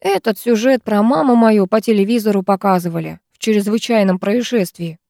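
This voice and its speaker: A woman voicing a sullen, sharp-tongued teenage girl in an audiobook, curt and scornful, in a dry, close recording. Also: medium pitch, normal speed, no room sound, close to an everyday voice.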